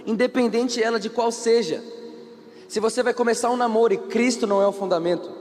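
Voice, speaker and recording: A man with a Brazilian Portuguese accent preaching a sermon in an animated way, acting out the people in the story and asking the audience questions. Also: very high voice, brisk, big-room sound, slight background noise. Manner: animated, acts out quoted characters, asks the audience questions.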